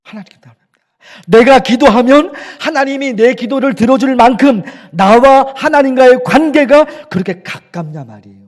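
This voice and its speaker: A man's voice: extremely high pitch, moderate pace, few pauses. A male pastor delivering an impassioned sermon in a church, often repeating his phrases. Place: church sanctuary. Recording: echoey church hall.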